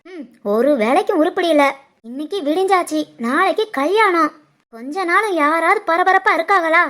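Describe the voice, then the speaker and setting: Woman voicing a shrill, nagging cartoon housewife. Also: moderate pace, a bit bright. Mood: scolding. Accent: Tirunelveli Tamil. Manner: scolding, sarcastic. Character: sharp-tongued, nagging middle-aged housewife.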